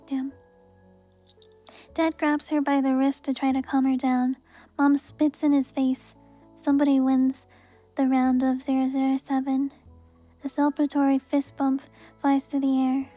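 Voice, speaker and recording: Soft high-voiced woman reading aloud. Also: unhurried, long pauses, soft background music. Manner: soft, even reading voice with brief laughs at the text. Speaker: streamer reading a book aloud.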